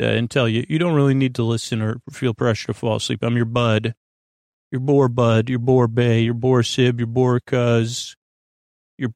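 A podcast host with a gravelly, creaky, medium-pitched voice speaks close and dry into the mic with no room sound. His rambling bedtime monologue, meant to help listeners sleep, meanders and halts, trailing off, doubling back and leaving thoughts unfinished, all in a gently reassuring manner.

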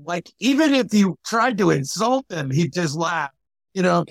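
High-voiced chatty man recalling gigs. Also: sing-song, a little slow, vocal fry, no room sound. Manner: chatty, lots of "you know". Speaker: comedian guest. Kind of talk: casual chat.

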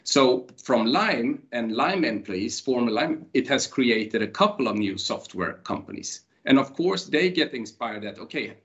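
A man speaking as an executive in an unscripted panel discussion, halting and repeating words. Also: mid-range voice, lively intonation, fairly bright tone. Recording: dull lo-fi sound.

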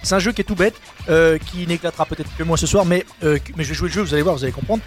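Male radio host, quick and high-pitched, hamming up a party game at a studio mic. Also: soft background music. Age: adult with young children. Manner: playful, theatrical game-show patter. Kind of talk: lively radio banter. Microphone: studio microphone.

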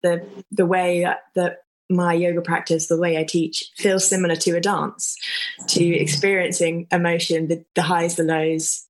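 A woman hosting a relaxed podcast chat, her voice sitting a little low. She talks openly and expressively, with the odd mild swear. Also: moderate pace, poor audio. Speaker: podcast host, yoga teacher. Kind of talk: casual chat.

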